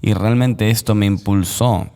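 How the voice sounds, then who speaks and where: A man recounting a personal testimony as an interview guest, in an earnest, measured voice-over. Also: on the low side, steady tone, mellow, clear, resonant tone, long reverb tail.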